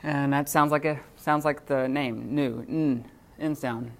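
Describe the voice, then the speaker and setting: Gravelly man teaching a class. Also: mid-range voice, steady tone, a bit bright. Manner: halting, many fillers and restarts. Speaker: Greek teacher. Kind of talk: unscripted classroom lesson.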